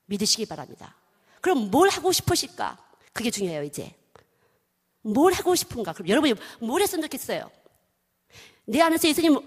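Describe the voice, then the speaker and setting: A woman's voice: a little high, breathy edge. Emphatic woman preaching in a reverberant hall. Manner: emphatic, swings from loud exclamations to hushed whispers. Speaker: children's missionary preaching. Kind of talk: sermon.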